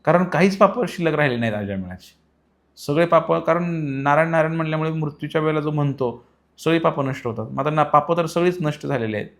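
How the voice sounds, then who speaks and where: A man giving a devotional sermon in a storytelling style. He explains patiently and rises in pitch and volume for emphasis. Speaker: devotional preacher.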